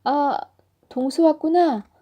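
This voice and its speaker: A woman voicing a kind middle-aged shopkeeper in a storybook reading, speaking gently and softly. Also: high voice, slow pace, pitched above the performer's own voice. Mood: gentle.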